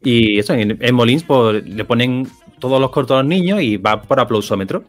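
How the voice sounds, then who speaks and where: A man of about forty with a Cádiz accent, answering interview questions in a relaxed, rambling way and correcting himself as he goes. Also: medium pitch, normal speed. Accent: Andalusian, Cádiz. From Cádiz, Spain. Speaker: guest, animator. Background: faint background music.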